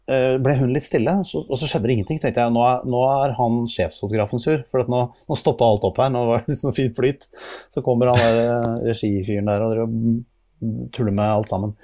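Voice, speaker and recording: A man's voice: mid-range voice, warm tone. A man telling a story in conversation, full of hesitant fillers, his voice climbing as the story builds. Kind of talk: animated anecdote in conversation.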